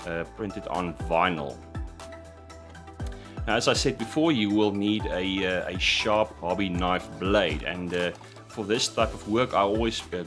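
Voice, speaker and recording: Over background music, a deep-voiced man narrates a scale model building tutorial. His voice is slightly croaky after an illness, and he speaks hesitantly, with many "uh" fillers and restarts.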